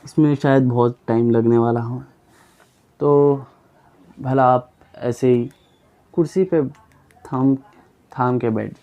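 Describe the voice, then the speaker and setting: A young man casually reading aloud a long list of names for his viewers, sounding them out slowly and often stumbling and repeating them. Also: mid-range voice, level tone, dark tone, clean tone, lo-fi sound. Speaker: YouTuber reading Pokémon names.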